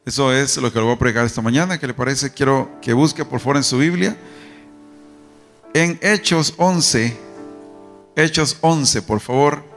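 A pastor preaches a sermon at a church service in a mid-range, fairly bright voice at a moderate pace with long pauses. He asks rhetorical questions and leads call-and-response, having the congregation repeat after him. Long reverb fills the recording, with faint music in the background.

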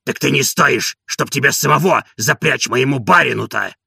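Hoarse old servant a guy voices, raspy gravelly, sharp tone, grumbly and proud. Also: medium pitch, moderate pace, dry recording, studio quality, exaggerated voice. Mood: indignant. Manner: indignant, boastful. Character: hoarse, devoted old male servant, easily angered.

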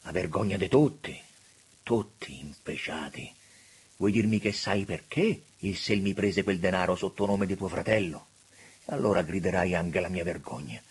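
A tired, bitter old statesman speaks low and heavy, in a husky, breathy voice, as a male audiobook reader puts him on. His words come slow and muttered, with a dark weight under them. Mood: despairing. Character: old male government minister, weary and bitter. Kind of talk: audiobook character voice.

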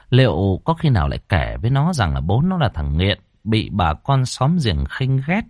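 A man reading a ghost story in a dramatic, expressive way. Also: on the low side, dry recording, clean studio sound. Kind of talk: scripted ghost story narration.

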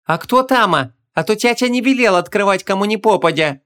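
A man's voice: high-pitched, animated, fairly quick, fairly bright tone, pitched above the performer's own voice. A man voicing a distrustful little village boy with ringing, rustic childish talk. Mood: wary childish.

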